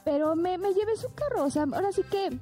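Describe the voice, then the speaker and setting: A woman's voice: extremely high pitch, expressive, quick pace, warm tone, faint music behind. A young Mexican woman telling a dramatic personal story in a casual podcast chat, addressing listeners directly. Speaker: podcast co-host.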